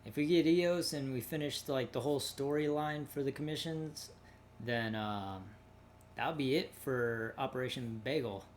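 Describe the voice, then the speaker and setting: A man's voice: mid-range voice, unhurried, slight background noise. A man doing casual video game commentary, talking through his plans and reading on-screen dialogue aloud.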